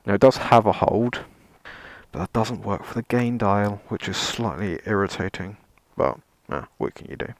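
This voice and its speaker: A man's voice: fairly low pitch, moderate pace, no echo. A man presenting a casual vlog gear test in a rambling, self-deprecating way, with dry sarcasm and some mild swearing. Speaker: motovlogger, presenter.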